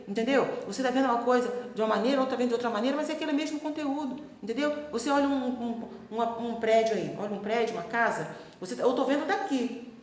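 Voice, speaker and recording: A woman's voice: high voice, echoey room. A woman teaching the Bible in a chatty way, often checking that her listeners follow and acting out quoted voices. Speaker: preacher.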